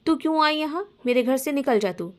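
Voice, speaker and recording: A suspicious, jealous young woman with a fairly high voice, sharp and accusing in every line, as a woman storyteller puts her on. She sounds bitter and quick to blame in a storybook reading. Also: animated. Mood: angry.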